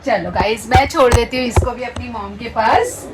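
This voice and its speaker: High-voiced woman vlogging casually. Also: moderate pace, over loud music. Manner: chatty, addresses viewers as guys, mixes English into Hindi. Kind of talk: casual vlog chat to viewers.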